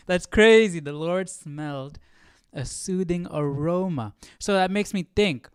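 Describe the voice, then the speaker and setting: Hosting a live study stream, a man reads aloud and thinks out loud in casual chat, tossing out informal, slangy questions. His voice is high-pitched, clear and resonant, and he takes it slowly. The studio sound is clean with no room sound.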